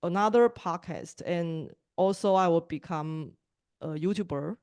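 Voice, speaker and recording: Slow, measured Taiwanese-accented woman. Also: lowish voice, darkish tone. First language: Mandarin. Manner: hesitant, with pauses and restarts. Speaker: language teacher and podcaster. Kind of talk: online group introductions. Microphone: video call.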